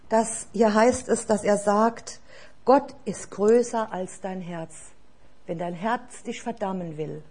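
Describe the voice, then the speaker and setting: A woman's voice: mid-range voice, darkish tone, breathy edge. A woman preaching a sermon in an earnest, exhorting way, asking the listeners direct questions.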